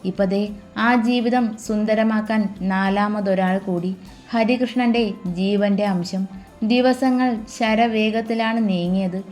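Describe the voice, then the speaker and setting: A woman narrating a romance audiobook in a calm, even reading voice. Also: a little high. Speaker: storyteller.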